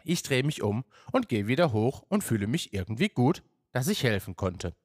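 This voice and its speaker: A man's voice: mid-range voice, big pitch swings, moderate pace, breathy edge, no echo, clean studio sound. A man reading a first-person story aloud in a plain, matter-of-fact way. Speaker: narrator.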